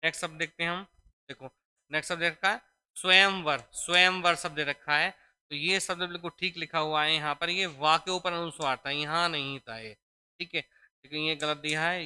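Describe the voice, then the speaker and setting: Bright, crisp-voiced male teacher. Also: fairly high pitch, fairly even intonation, moderate pace. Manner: explains step by step, repeats each word, often checks with "theek hai"; addresses students fondly as children. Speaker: exam-prep teacher. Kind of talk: classroom spelling lesson.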